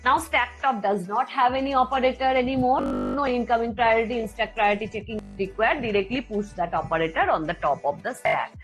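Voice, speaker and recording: A woman with an Indian Bengali accent, a native Bengali speaker, lecturing step by step as a teacher in a deliberate, repetitive way. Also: fairly high pitch, fairly bright tone, soft background music, rough recording. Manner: deliberate, repetitive explaining, switching languages. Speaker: computer science teacher.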